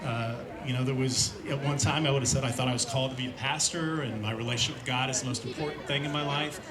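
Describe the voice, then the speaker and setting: A man's voice: medium pitch, fairly even intonation, fast talker, crowd noise. Man in his 50s, from Indiana, earnest testimony, roomy church hall, audience heard around him. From Indiana, USA. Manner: earnest, reflective, with many fillers. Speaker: speaker sharing a recovery testimony. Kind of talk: personal testimony at a church event. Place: large room at a church event with an audience.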